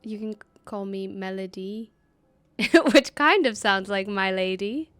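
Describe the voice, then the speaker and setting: A woman's voice: mid-range voice, unhurried, a bit bright, no echo. A woman talking casually as a player in a tabletop role-playing game.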